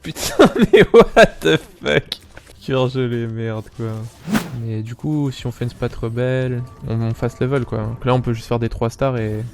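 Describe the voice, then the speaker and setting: A young man with a Belgian French accent giving casual, animated gameplay commentary as a streamer, swearing often and talking straight to his viewers. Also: mid-range voice, moderate pace, faint music behind.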